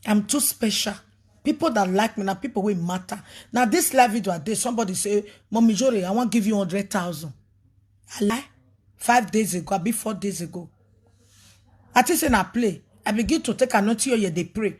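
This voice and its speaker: Brisk and mid-range, with a slightly mellow tone and a breathy edge, this woman's voice carries an animated live video talk. She is a ministry leader, preachy and emphatic, mixing pidgin, English and a local language.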